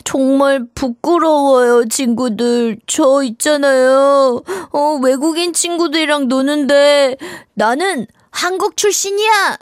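A woman's voice: high-pitched, dry recording, voice pushed up. A woman voicing a shy, embarrassed young child who pleads for help in a children's lesson skit. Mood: bashful. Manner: bashful, pleading, drawn-out.

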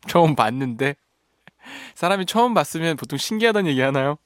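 A man's voice: on the high side, sing-song, normal speed, dry recording. A man hosting a radio show in a studio, reading listener messages and teasing them playfully with frequent laughs. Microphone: studio microphone.

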